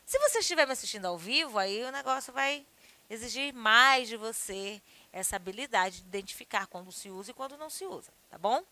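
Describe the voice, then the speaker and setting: Brazilian lady teacher, brazilian portuguese accent, patient and clear, dry close sound. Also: a little high, lively intonation, fairly quick, sharp tone, no echo. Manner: explains patiently, asks check questions. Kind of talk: recorded grammar lesson.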